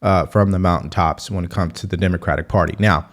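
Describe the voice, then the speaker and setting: A man's voice: deep voice, steady tone, quick pace. A man hosting political commentary in a casual, emphatic and combative way, with scorn in his delivery. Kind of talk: casual opinion commentary over news clips.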